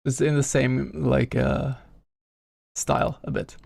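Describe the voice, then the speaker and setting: A man's voice: medium pitch, level tone, slow, creaky, darkish tone, dry recording, soft background music. A Norwegian man with a Norwegian accent, chatting casually on a game dev stream, rambling and thinking aloud in a self-deprecating way. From Norway. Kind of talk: casual live-stream chat. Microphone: gifted home studio microphone.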